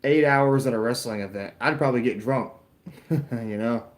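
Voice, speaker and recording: A man's voice: mid-range voice, normal speed, roomy sound. Rambling young man chatting to his stream. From Florida. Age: 20s. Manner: rambling, chatty, answers live chat, self-mocking. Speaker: YouTuber streaming a wrestling watch-along. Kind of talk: casual live-stream chat.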